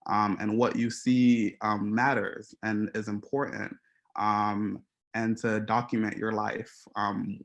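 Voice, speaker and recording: A man from Haiti giving an artist talk about his photographs, speaking in a hesitant, reflective way with many pauses and restarts. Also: fairly low pitch, little pitch movement. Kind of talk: presenting slides to an audience.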